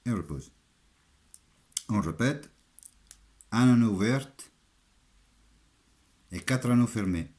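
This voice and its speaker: A man from Italy with a clear Italian accent in his French, talking in a fairly low voice. He takes his time, explaining each step of a craft in simple, halting phrases and repeating them as he demonstrates. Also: animated, darkish tone. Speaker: armourer giving a craft tutorial.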